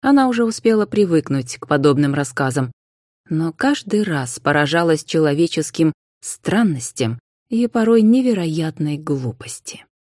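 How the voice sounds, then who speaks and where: A woman narrating a novel in a measured, even reading voice. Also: low voice, no echo, clean studio sound. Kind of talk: scripted audiobook narration.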